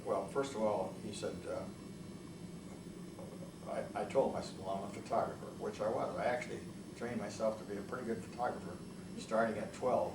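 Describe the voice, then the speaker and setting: An elderly veteran who grew up speaking Italian at home recalls his past in an oral history interview, rambling, hesitating and restarting often. His lowish voice is brisk with fairly even intonation, captured in an echoey, noisy room with the mic far away.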